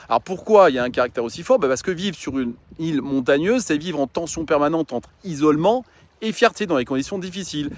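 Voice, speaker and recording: A man's voice: a little high, slight background noise. A man, a coach and mountain guide, talking earnestly and informally to his followers, with frequent fillers and restarts. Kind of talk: casual informal talk to followers.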